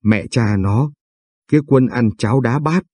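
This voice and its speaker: A man's voice: mid-range voice, measured pace, dark tone, dry recording, clean studio sound, natural voice. A man voicing a hot-tempered elderly father-in-law who scolds his sons-in-law in long angry tirades. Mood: bitter. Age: older.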